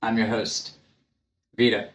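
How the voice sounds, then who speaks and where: A man hosts his own podcast, recording on camera in an echoey room where faint ambience lingers. English isn't his first language; he speaks slowly in a low, level tone, frank and blunt, stuttering, restarting, using many ums and swearing casually at times.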